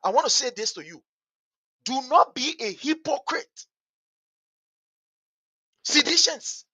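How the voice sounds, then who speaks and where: A woman's voice: fairly high pitch, a bit bright, dry recording. A woman with a Liberian English accent, a party activist giving an impassioned political address, emphatic and hammering home repeated pointed questions.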